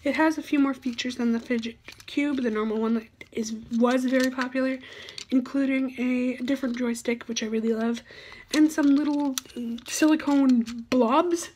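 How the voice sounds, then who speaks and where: Teen girl vlogger, chatty and giggly, slightly high-pitched, faint noise on the recording. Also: steady tone, normal speed, a little mellow. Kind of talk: casual show-and-tell.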